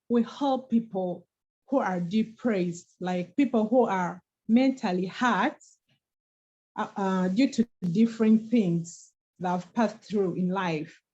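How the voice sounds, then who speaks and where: Over dull, lo-fi online call audio, a woman co-host with a highish, dark-toned voice offers earnest encouragement about forgiving and moving forward in a motivational talk.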